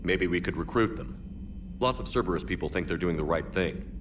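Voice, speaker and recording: Game commander played by a man: low male voice, terse, resolute, businesslike, noticeable noise behind. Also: brisk, close to an everyday voice. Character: resolute, plain-spoken male military space commander. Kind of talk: video game voice acting.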